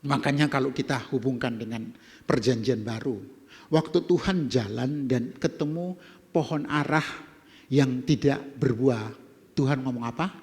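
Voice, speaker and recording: A male pastor, preaching an emphatic sermon that swings between loud exhortation and quiet asides. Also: mid-range voice, unhurried. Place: church hall. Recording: long church hall reverb.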